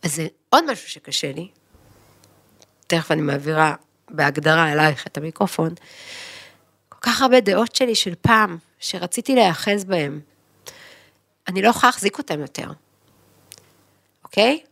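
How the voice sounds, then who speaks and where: A woman with a gravelly, creaky voice speaks frankly in a casual podcast conversation. She pokes fun at herself and slips into animated rants, and the sound is dry and close. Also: lowish voice, pauses often, no room sound. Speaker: podcast co-host. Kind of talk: candid conversational podcast chat.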